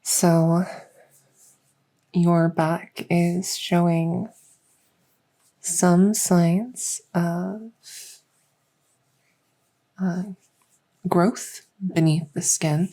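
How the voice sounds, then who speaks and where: This ASMR medical roleplay features a woman performer as a gentle fae physician with buggy wings and a scaly tail. Her voice sits on the low side and her delivery is flat, soothing, and unhurried, with hesitant pauses and moments close to a whisper. The recording is rough.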